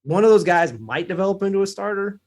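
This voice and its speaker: Podcast co-host, man, slightly high voice, even-handed analyst. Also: fast. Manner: analytical, weighs both sides. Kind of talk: casual sports chat.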